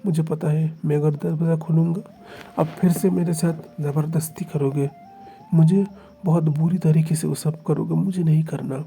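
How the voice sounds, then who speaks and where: A frightened young man pleads and begs tearfully in this storybook reading, put on by a man reading aloud. The voice sits a little higher than the reader's own, still dark and gravelly. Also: steady tone, moderate pace, soft background music. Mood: pleading.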